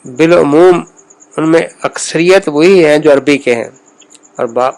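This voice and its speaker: A man giving a spoken lesson on pronunciation, explaining in a measured way, repeating sounds and pausing often. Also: on the high side, a little mellow. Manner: measured, explains slowly with repetitions and pauses. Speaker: language teacher.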